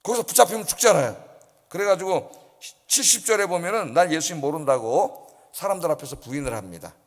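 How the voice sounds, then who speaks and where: A man's voice: a little high, very animated, a little fast. A man preaching an early-morning sermon as pastor, telling the story vividly, acting out quoted voices and asking the congregation questions. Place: church sanctuary. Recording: long church hall reverb.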